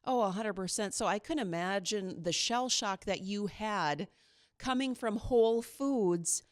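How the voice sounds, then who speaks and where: A woman's voice: medium pitch, unhurried, no room sound. Woman, podcast host, enthusiastic, dry recording. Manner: upbeat, enthusiastic. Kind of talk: casual interview chat.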